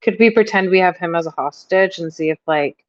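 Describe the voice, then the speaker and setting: A woman's voice: lowish voice, a little fast, dry recording. A woman playing a tabletop game over voice chat, tentative and full of fillers. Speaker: player. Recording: dull lo-fi voice chat audio.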